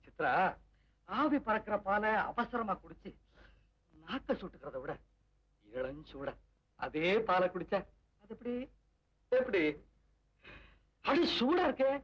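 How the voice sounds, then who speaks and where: A man's voice: sits high, very animated, slow pace, long pauses, a bit bright, breathy edge, exaggerated voice, poor audio. An actor playing a patient young husband who coaxes and soothes his upset wife with playful teasing, in 1960s Tamil film acting. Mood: coaxing. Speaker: new husband in a film drama.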